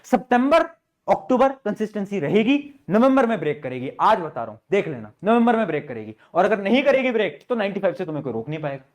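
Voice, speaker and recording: Male teacher, high voice, fatherly and direct with students, poses questions and answers them, coaching tone. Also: very animated, fast. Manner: coaxing, asks rhetorical questions and answers them; calls students "beta", informal and direct. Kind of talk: study-planning advice to students.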